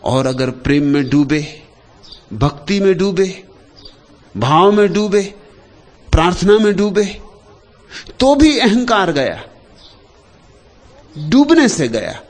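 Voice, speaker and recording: A man giving a spiritual discourse, speaking slowly with long pauses, dropping to soft low phrases and rising to loud emphatic ones. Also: big pitch swings. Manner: slow, unhurried delivery with long pauses and lists. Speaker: spiritual teacher.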